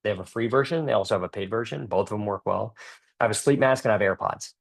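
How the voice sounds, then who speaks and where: A dentist giving an energetic, joking motivational talk with emphatic delivery. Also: male voice, on the low side, fast, creaky. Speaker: dentist and speaker.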